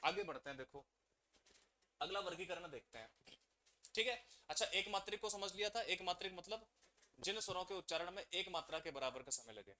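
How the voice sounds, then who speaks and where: A man with a high, ringing voice teaches an exam-prep class. He keeps throwing questions at the students and answering them himself, and the bright edge of his voice carries through the lesson. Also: animated, a little fast, a little hiss or hum.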